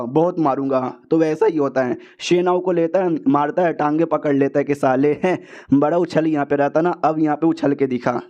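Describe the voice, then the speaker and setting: A man's voice: on the high side, warm tone, muffled recording. Slangy man doing a manga recap. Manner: chatty, slangy, acts out dialogue lines. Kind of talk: casual storytelling recap.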